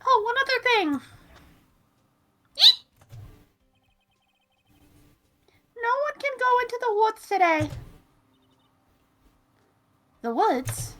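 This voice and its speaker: A voice actor playing an excitable male detective with a high, squeaky helium voice in a live fan dub. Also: moderate pace, exaggerated voice. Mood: chatty. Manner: hearty, calls people pal. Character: excitable adult male detective, friendly and loud. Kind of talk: live fan voice acting of a game.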